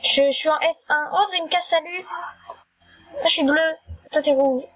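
A woman giving casual, chatty commentary while playing an online game, excitable and prone to stammering and repeating herself. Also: high-pitched, unhurried, poor audio. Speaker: gaming YouTuber.

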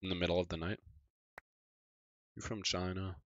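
A man streaming a game live, chatting casually with viewers and reacting excitably to the action. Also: deep voice, moderate pace, highs cut off, a little hiss or hum. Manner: excitable, chatty, talking to chat while playing.

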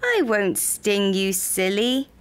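Buzzing friendly bee girl, soft and teasing, voiced by a woman, storybook puppet show. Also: mid-range voice, sing-song, slow pace, clear, resonant tone. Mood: gentle. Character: kind female bee, playful.

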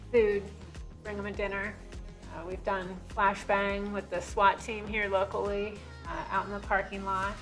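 A woman's voice: mid-range voice, low-quality recording. A woman in her forties, a restaurant owner, talking in a friendly, chatty way during a casual sit-down interview in a restaurant booth. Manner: friendly, chatty, laughs easily. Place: brick-walled restaurant booth, indoors. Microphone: lapel mic.

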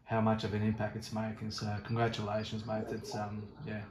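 A lowish, flat-voiced man hosts an online community call, stumbling and repeating himself. He sounds echoey, with faint noise behind him. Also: fairly quick. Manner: rambling, stumbling praise with repeated words.

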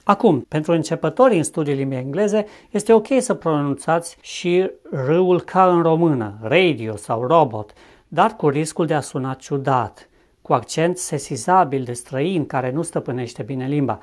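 Deliberate language teacher, careful diction. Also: mid-range voice, expressive. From Romania. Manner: slow and deliberate, repeating example words with careful pronunciation. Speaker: English teacher. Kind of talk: scripted video lesson narration.

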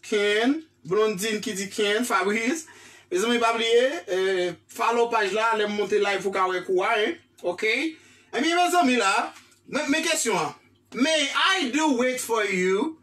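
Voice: medium pitch, measured pace, a bit bright, distant mic. A Haitian-accented teacher giving a live online English grammar lesson, repeating phrases and switching languages while explaining.

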